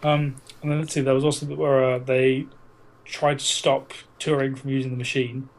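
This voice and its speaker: A man co-hosting a podcast discusses films briskly in a flat, mid-range voice, keeping it casual and blunt with frequent swearing. The recording is amateur and noisy.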